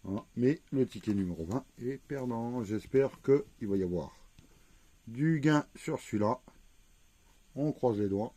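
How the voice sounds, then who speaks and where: A man casually commenting as he scratches lottery crossword tickets, slowly spelling out letters one by one and checking words. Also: medium pitch, animated, dark tone, slightly rough, dry recording. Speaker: scratch-card vlogger.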